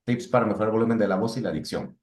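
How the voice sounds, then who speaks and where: Hesitant moderator in an echoey room. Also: male voice, lowish voice, rapid-fire, a little mellow. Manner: hesitant, with fillers before reading. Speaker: moderator reading audience questions.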